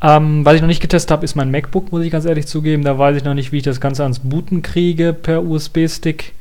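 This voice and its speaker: A man's voice: fairly high pitch, fairly even intonation, brisk, a little mellow. A man giving a casual spoken review of an operating system release, thinking aloud with many hesitations and restarts. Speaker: tech reviewer.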